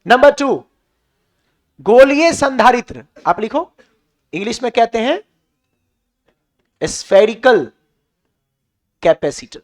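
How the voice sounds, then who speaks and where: A man's voice: very high voice, big pitch swings, takes it slowly, long pauses. A male physics teacher with a Bihari Hindi accent, lecturing a class and asking questions he then answers himself.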